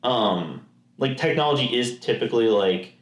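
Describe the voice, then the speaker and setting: In an echoey room, a male podcast co-host rambles casually about video games, using lots of fillers and frequent restarts. His medium-pitched voice is expressive and moves at a moderate pace.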